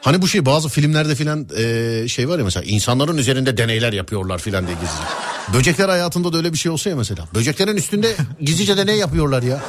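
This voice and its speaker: Lively male host, jokey storyteller, swooping pitch, faint background noise. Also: fast. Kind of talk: casual chat.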